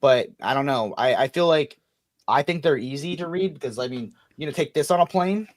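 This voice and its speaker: A man's voice: fairly high pitch, brisk, no room sound, clean studio sound. A man hosting a livestream in a casual, rambling way, full of fillers and restarts. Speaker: host.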